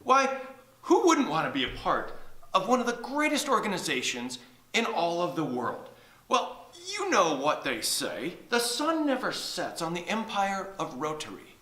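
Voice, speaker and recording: A man voicing a pompous, hearty British explorer gentleman with a put-on British accent and plummy exclamations. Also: high-pitched, huge pitch swings, measured pace, roomy sound, full character voice, poor audio.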